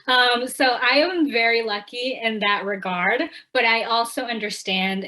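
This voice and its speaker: Young woman author from Ecuador, bright voice, reflective and chatty. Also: mid-range voice, rough recording. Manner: reflective, frequent fillers, quoting others animatedly. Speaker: author guest. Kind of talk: casual interview talk.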